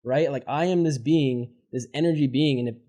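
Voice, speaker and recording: A man's voice: medium pitch, normal speed, dark tone. A man speaking as a podcast guest, giving motivational advice in a fervent, casual way and swearing freely. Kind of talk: motivational interview talk.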